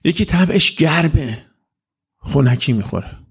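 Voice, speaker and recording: Gravelly-voiced man giving a lively religious talk. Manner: conversational, acts out quoted dialogue with rising pitch. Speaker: religious lecturer. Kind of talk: informal religious talk to an audience.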